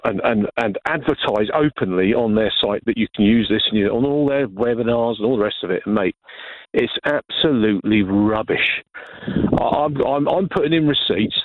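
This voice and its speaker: A man's voice: lowish voice, no echo. A middle-aged Englishman calling a radio show, ranting with passion and frustration. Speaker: caller. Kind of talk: phone-in rant. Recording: phone line.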